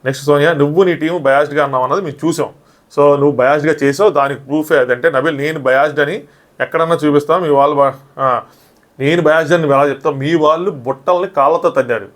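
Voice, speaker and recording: A man reviewing a reality show episode in casual, argumentative talk, often acting out what others said. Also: a little high. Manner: rapid, argumentative, often acts out quoted lines.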